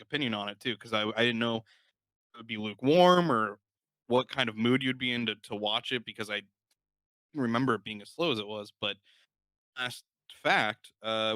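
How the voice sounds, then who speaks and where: A man's voice: medium pitch, pushed and bright, no echo, low-quality recording. A man co-hosting a podcast, talking casually and rambling about a film with many "like" fillers. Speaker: podcast co-host.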